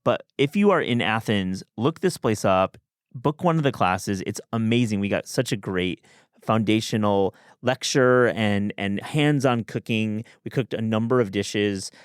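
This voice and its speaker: A man's voice: fairly low pitch, a little slow, clean tone, no room sound, clean studio sound. A man hosting a podcast, talking in an enthusiastic, chatty way with many restarts. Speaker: podcast host. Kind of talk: casual chat.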